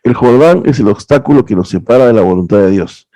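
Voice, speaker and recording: A man's voice: mid-range voice, expressive, fairly quick, dark tone, muffled recording. A young man teaching a class on interpreting the Bible, earnest and explanatory, often checking in with a rhetorical question. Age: young adult. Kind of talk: lecture on biblical interpretation.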